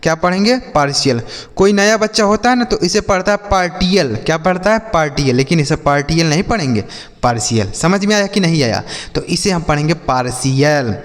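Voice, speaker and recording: Man teaching English spelling, echoing hall. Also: fairly high pitch. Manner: spells words letter by letter, repeats and quizzes; addresses viewers as children and brother. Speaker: English teacher, channel host. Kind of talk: spoken lesson to students.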